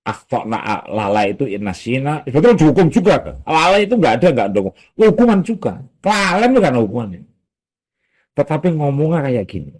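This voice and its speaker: A man giving a Quran commentary lesson at a boarding school, lively and acting out quoted speech. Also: on the high side, a little fast. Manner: animated, acts out quoted speech, mixes in local phrases.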